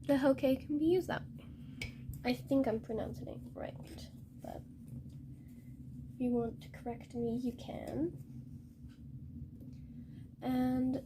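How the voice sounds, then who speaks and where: A young woman explaining paintbrushes in a painting tutorial, hesitant and halting, often correcting herself. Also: sits high, background noise. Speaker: art tutor.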